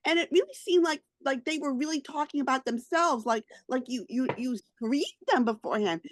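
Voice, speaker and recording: A woman interviewing in a casual, chatty style, gushing and excitable. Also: high voice, fairly quick, no room sound.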